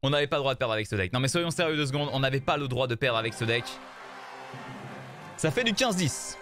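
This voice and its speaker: A man's voice: mid-range voice, fast. A man giving casual, joking live commentary on his card game matches and talking straight to his viewers. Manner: animated, joking, repeats himself, addresses viewers as "les gars". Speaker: streamer playing a mobile card game. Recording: game music playing faintly behind.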